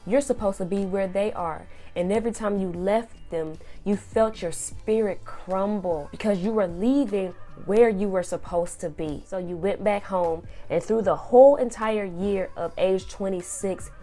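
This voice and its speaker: A young woman from Kansas City talks straight to her younger self in a casual, faith-based advice vlog. She is playful and sassy, with a preaching edge to her words. Her voice sits in a medium register, and soft music plays underneath. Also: medium pitch, unhurried, few pauses. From Kansas City, USA. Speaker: vlogger.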